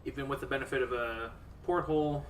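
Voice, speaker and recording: A man's voice: medium pitch, fairly even intonation, quick pace, a bit bright, a little hiss or hum, close to an everyday voice. A man voicing a formal, grave imperial military officer in a fantasy game, with stiff old-fashioned diction. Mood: formal, measured. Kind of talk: reading fantasy game dialogue aloud in character. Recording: roomy, distant mic over game music.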